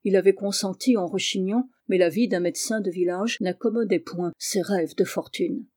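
A reader voicing a gentle, earnest young man. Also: mid-range voice, normal speed, dry recording, clean studio sound, lightly acted. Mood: confessional. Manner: earnest, grave. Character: gentle, timid young man, former bank clerk. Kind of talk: audiobook reading.

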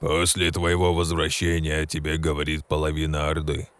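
A man voicing a stern aged orc shaman who speaks in slow, ceremonial pronouncements. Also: rumbling low, completely flat delivery, a bit bright, in a large hall, pitched below the performer's own voice.

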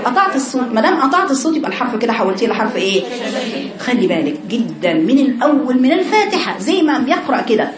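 A woman with an Egyptian accent teaches Quran recitation to a class of women, her voice fairly high. She demonstrates each letter by stretching and repeating syllables. The room is echoey and a crowd murmurs behind her. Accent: Egyptian Arabic. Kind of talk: classroom tajweed lesson.

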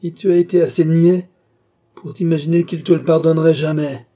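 A man's voice: medium pitch, normal speed, dark tone, slightly rough, natural voice. A man voicing a treacherous army captain who speaks coldly and mockingly, taunting his victim. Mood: gloating. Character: treacherous scheming Italian army captain, gloating.

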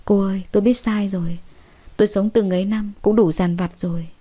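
A woman reads a guilt-ridden older man in a storybook drama, begging for forgiveness with a choked-up manner. The voice is soft and mellow. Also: medium pitch, fairly even intonation, brisk, natural voice. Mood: pleading. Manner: pleading, choked up.

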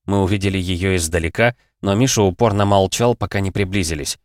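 Brief: male audiobook narrator, low voice, dry close mic, measured storytelling. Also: no room sound. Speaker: audiobook reader. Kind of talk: scripted first-person narration.

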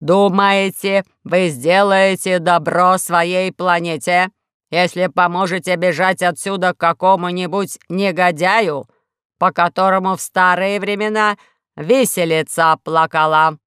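A woman's voice: lowish voice, steady tone, clear, resonant tone, dry recording, studio quality. Woman doing a gloomy grumbling robot safe. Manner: grumbling, slow and loud.

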